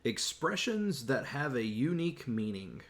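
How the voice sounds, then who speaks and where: This young YouTube host runs a laid-back live Q&A, reading viewer questions from chat and rambling through answers with many restarts. His medium-pitched voice swings widely in pitch, and his pace is measured.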